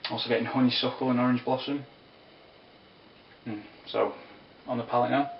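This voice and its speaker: A man giving a casual spoken whisky review, unhurried and descriptive with wry asides. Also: medium pitch, fairly even intonation, vocal fry, slight background noise. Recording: roomy, distant, dull lo-fi sound.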